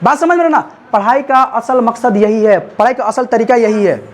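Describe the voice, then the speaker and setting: A man's voice: extremely high pitch, normal speed. A man teaching a classroom science lesson, constantly prompting his students to answer back. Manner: call-and-response, keeps prompting students to answer.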